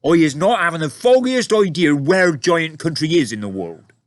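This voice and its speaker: A man voicing a huge, gentle male giant who talks in muddled words and broken grammar. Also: a little high, lively intonation, normal speed, no echo, voice pushed up, lightly acted.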